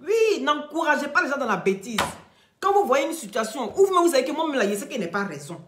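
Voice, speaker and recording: A woman's voice: high-pitched, big pitch swings, fast, reverberant, noisy background. A woman hosting a live video, speaking straight to her followers in an emphatic, lecturing way. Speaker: social media live-stream host.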